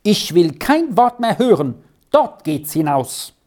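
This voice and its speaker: A woman's voice: very deep voice, measured pace, full character voice. A woman voicing an angry middle-aged farm wife who scolds sharply. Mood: furious.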